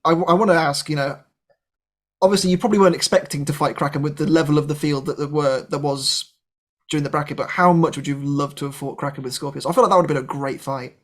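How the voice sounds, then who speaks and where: A man's voice: on the high side, fairly even intonation, fast talker. A man hosting a podcast, chatting enthusiastically and gushing, with plenty of fillers. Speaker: podcast host. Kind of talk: casual podcast chat.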